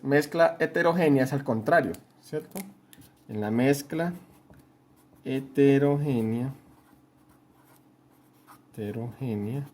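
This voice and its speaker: A male chemistry teacher from Colombia talks through a lesson at a middle pitch. He explains patiently, writes on a board as he goes, and keeps checking that his students are following. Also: a little mellow. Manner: explains patiently, often checks understanding with "¿cierto?"; writes on a board while talking. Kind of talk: home-school lesson at a whiteboard.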